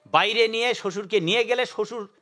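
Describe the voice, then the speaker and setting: Bright, high-pitched male preacher. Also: brisk. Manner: animated, acts out story voices. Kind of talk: devotional sermon with storytelling.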